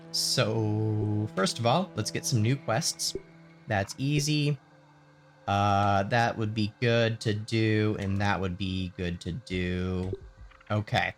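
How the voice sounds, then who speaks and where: Guy narrating his game run slowly, wandering thoughts, game music going behind him. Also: on the low side. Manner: rambling, thinks aloud with many pauses. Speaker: let's play host. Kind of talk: casual gameplay commentary.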